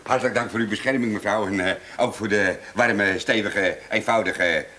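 An actor playing a good-natured, cheeky tramp, on old television audio. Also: male voice, fairly low pitch, normal speed, sharp tone. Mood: cheerful.

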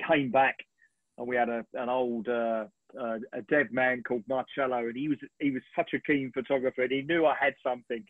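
Husky-voiced man on a tinny call. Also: medium pitch, a little fast, no echo. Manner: animated, rambling storyteller with frequent throat clearing. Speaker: sports photographer guest. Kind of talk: relaxed anecdotal storytelling on a webinar. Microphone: video call. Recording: tinny, dry video-call audio.

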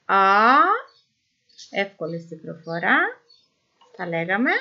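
A woman giving an informal pronunciation lesson who sounds out vowels slowly and repeats them. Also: mid-range voice, vocal fry. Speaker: language teacher. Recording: dull lo-fi recording.

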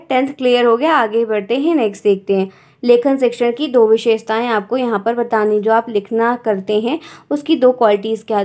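A woman's voice: fairly high pitch, a little mellow. A woman teacher, giving an exam-prep grammar lesson and explaining step by step while checking in with her students.

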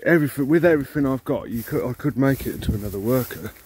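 A man in a mid-pitched voice talks casually while filming a walk-around outdoors. He thinks aloud, with ums and half-finished restarts. A faint hiss of open-air noise sits under the phone recording. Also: lively intonation, rapid-fire, a little mellow. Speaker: vintage combine owner filming his machine. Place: outdoors in an overgrown field beside an old combine.

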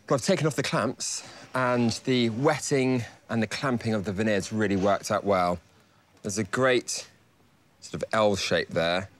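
A British man in his thirties, a furniture restorer, calmly explaining his repair work step by step to camera in a wooden workshop. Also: on the low side, unhurried, faint music behind. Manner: calm, matter-of-fact step-by-step explanation. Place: large wooden workshop, indoors.

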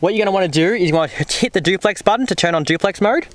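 Outdoors in a dry bush clearing next to a 4WD, an Australian man in his twenties casually explains things to the camera as a vlog host. He talks very fast in a fairly high, fairly bright voice, with slight background noise.

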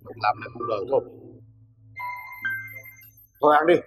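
A man's voice: mid-range voice, normal speed, fairly bright tone, faint music behind, lightly acted. An actor playing a stern older father who firmly lectures his son at the family table in a TV drama. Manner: firm, admonishing. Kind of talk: TV drama acting.

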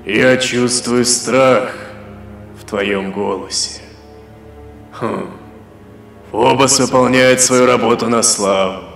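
A man voicing a sardonic ancient god of the underworld, speaking in a slow, sepulchral, sarcastic voice. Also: mid-range voice, fairly bright tone. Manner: sarcastic, mocking. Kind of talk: audiobook character voice. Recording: echoey hall reverb with faint music.

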